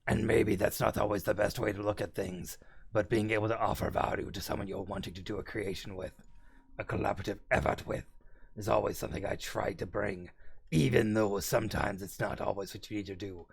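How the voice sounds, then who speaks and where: A man's voice: fairly even intonation, fairly quick, a little hiss or hum. A male streamer talking in a demonic voice, with stiff, formal wording. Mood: stiffly formal. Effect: demonic voice, deep and gravelly. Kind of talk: casual live-stream chat.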